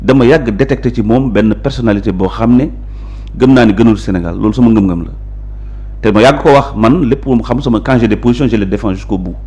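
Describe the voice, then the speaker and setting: A man with a Senegalese accent, guest in a conversational interview mixing Wolof and French, explains his positions emphatically and with conviction. He's a local politician, and his fairly low, dark voice moves at a quick pace.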